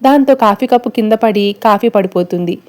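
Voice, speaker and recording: A woman narrating a recap of a television serial episode in a brisk storytelling manner. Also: mid-range voice. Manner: brisk storytelling with occasional restarts.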